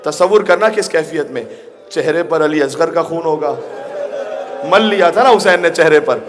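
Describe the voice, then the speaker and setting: A man giving an emotional mourning sermon to a gathering, at times rising to near shouts. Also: a little high, background noise. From Pakistan.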